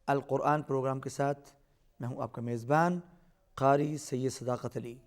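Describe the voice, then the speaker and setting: A man hosting a Quran recitation lesson. He recites verses slowly and drawn out, then explains the pronunciation rules quickly. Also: medium pitch, fairly even intonation, darkish tone. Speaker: Quran teacher and host.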